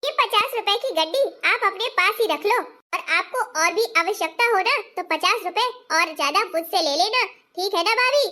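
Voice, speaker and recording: A woman's voice: very high voice, animated, normal speed, few pauses, bright, forceful tone, heavily acted. A woman voicing a meek young daughter-in-law in a cartoon family story, who defends herself in a plaintive way. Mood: polite.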